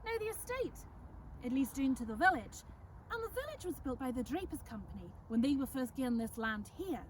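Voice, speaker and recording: A woman's voice: sits high, big pitch swings, fairly quick, distant mic, a little hiss or hum. A woman playing a chatty, folksy servant of centuries past, telling visitors a tale in an Ulster Scots accent. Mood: proud, admiring. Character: chatty, welcoming servant woman of a 17th-century Irish estate. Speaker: costumed storyteller. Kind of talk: in-character historical storytelling to visitors. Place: outdoors in front of a house.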